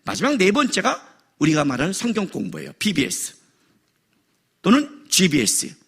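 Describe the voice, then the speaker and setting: A middle-aged male pastor delivering a sermon at a worship service, animated and joking, raising his voice for effect. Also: sits high, moderate pace, creaky, husky. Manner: animated, jokes and raises voice for effect.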